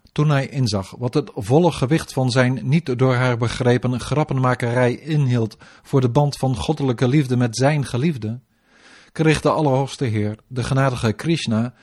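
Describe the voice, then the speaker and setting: A man narrating a scripture text in an even, formal, measured delivery. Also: medium pitch. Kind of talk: scripture reading.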